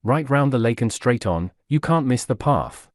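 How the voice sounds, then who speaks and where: A man voicing a cool-headed young gentleman who speaks with dry, wry humour. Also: medium pitch, animated, moderate pace, no room sound, lightly acted.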